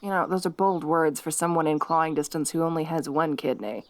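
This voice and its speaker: A woman's voice: sits low, fairly quick. A woman playing a jealous yandere fox girl in an audio role-play, cheerfully menacing and taunting. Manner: jealous, taunting, gleefully threatening.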